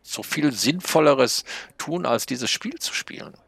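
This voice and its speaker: A man's voice: mid-range voice, lively intonation, measured pace, creaky, fairly bright tone, husky, no room sound, voice pushed up, full character voice. A man voicing a small grey female magic snail in a read-aloud story, in a raised, scolding voice. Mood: nagging. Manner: scolding, insistent.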